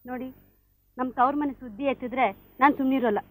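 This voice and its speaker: An actress playing a proud, contemptuous sister-in-law who speaks in a cutting way in a TV serial. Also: female voice, high voice, fairly even intonation, fast talker, lightly acted. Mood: haughty.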